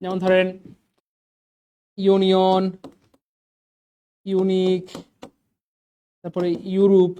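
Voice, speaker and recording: A man's voice: high voice, monotone, very slow, long pauses, warm tone, clear, resonant tone, highs cut off. A man with a Bangladeshi Bengali accent teaching an English grammar lesson, quizzing his class with questions and drilling examples by repetition. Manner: quizzing students with rising questions.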